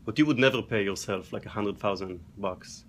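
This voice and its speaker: Casual low-voiced male interviewer. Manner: informal, quick interjections, offbeat questions.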